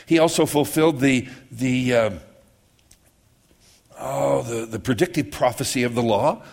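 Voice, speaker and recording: A man giving a conversational sermon, often repeating and restarting words and checking that his listeners follow. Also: mid-range voice. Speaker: pastor.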